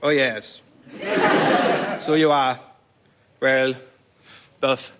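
A man's voice: medium pitch, little pitch movement, extremely slow, very noisy. A man playing a pompous Voltaire with an outrageous put-on French accent. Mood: grandiose. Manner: theatrical, grandiose. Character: pompous male Voltaire, showy philosopher.

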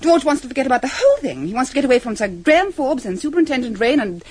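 Gushy society wife, radio play, husky but highish, swoopy. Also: female voice, big pitch swings, racing, a little mellow, full character voice. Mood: insistent. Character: gushing, self-possessed English society wife. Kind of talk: radio drama acting.

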